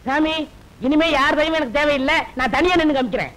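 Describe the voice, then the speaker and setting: High quick-talking cheeky nephew, blunt comebacks, film comedy bit. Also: male voice, rough recording. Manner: cheeky, blunt, rapid deadpan retorts. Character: cheeky simple-minded young nephew barber.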